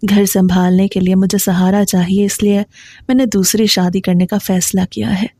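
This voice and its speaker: A harsh, dismissive father who talks down to his daughter in a gruff, scolding way, as a woman storyteller reads him. The reading voice is warm and mellow in a dry, close recording. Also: mid-range voice, flat delivery, no echo, lightly acted.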